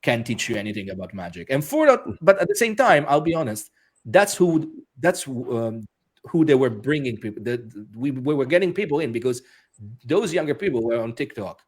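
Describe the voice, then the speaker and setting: A man's voice: mid-range voice, very animated, brisk. A man speaking as an interview guest, talking casually with many restarts and fillers and laughing often. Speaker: interview guest, author and musician.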